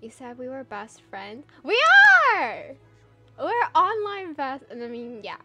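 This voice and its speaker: Loud music plays behind a young woman with a high, sing-song voice as she streams a game at an unhurried pace. She chats lightly with her viewers, responding to their messages, laughing often and trailing off with fillers.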